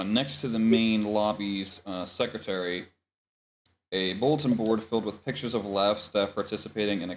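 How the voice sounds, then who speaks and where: A man's voice: low-pitched, slight background noise, poor audio. A man narrating a tabletop game as game master, speaking hesitantly with many ums, his laptop fan humming into the microphone. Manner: halting narration with frequent ums and uhs. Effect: laptop fan humming into the mic.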